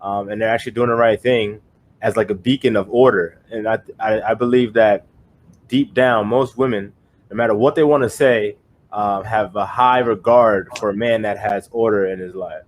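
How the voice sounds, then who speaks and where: A young man with a fairly low voice co-hosts a casual podcast. He muses out loud, circling back with "you know" and restarting his sentences as he talks through his views. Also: steady tone, normal speed. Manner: rambling, many fillers and restarts. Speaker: podcast co-host. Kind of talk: casual opinion chat.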